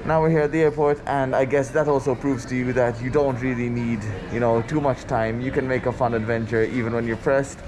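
A man's voice: medium pitch, little pitch movement, a little fast, few pauses, crowd noise, rough recording. A man from Malta vlogging at an airport, speaking through a face mask in a chatty, upbeat way to his viewers. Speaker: travel vlogger. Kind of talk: casual travel vlog to camera. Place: airport terminal, indoors.

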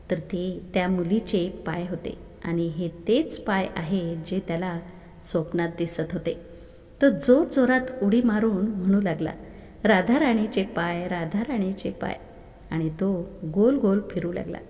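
A woman narrating a devotional story in an expressive reading voice, recorded with a long reverb. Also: on the low side.

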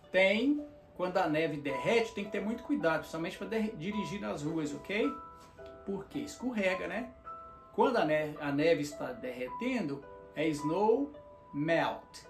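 A man teaching vocabulary in a bilingual lesson, repeating each word and checking in with "ok?". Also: high voice. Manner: repeats words slowly, checks in with "ok?". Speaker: language teacher. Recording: roomy echo, faint guitar music.

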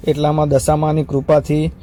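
A man recites a devotional folk story in an even, unhurried storyteller's manner. His voice is mellow and dark in tone, yet sits a little higher than most men's. Faint background noise sits under the reading. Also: low-quality recording.

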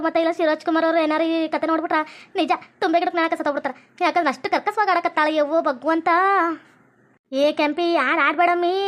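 A woman with a North Karnataka Kannada accent reeling off comic cartoon banter. Her voice is very high and she races through the bickering at top speed. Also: fairly bright tone. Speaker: cartoon voice artist.

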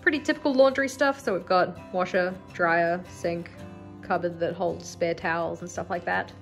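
A woman's voice: on the low side, normal speed, gravelly, soft background music. A young woman gives a casual, chatty tour of her house with wry asides, filmed on a phone at arm's length. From New Zealand. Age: young adult. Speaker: vlogger. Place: house, indoors, moving room to room. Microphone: phone held at arm's length.

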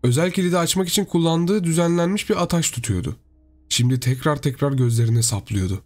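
A man narrating a horror story in a steady, storytelling delivery. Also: on the high side, fairly quick.

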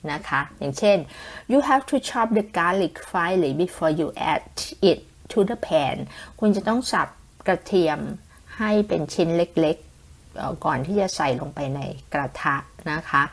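As a podcast host, a woman with a Thai accent explains English vocabulary in Thai, slowly and patiently, using frequent polite particles and spelling words out. Her voice is lowish with a breathy edge.

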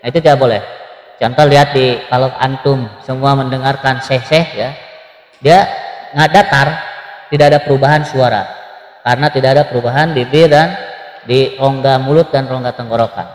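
A man teaching Quran recitation online, gently correcting students and chanting short examples. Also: medium pitch, steady tone, echoey room, in a large hall, rough recording. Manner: chanting examples slowly between plain explanations. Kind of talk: online tajweed lesson.

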